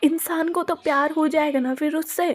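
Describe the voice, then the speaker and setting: A dramatic, lovestruck teenage schoolgirl in an audio story, played by a woman narrator. She gushes in slangy, exaggerated bursts, and her voice sits high. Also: steady tone, normal speed, close to an everyday voice. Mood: gushing. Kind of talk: Hindi audio story role-play.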